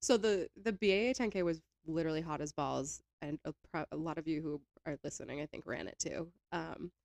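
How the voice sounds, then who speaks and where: Laughing animated woman podcast host. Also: low-pitched, brisk, vocal fry, no echo. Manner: laughing, animated storyteller, swears freely. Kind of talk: casual chat.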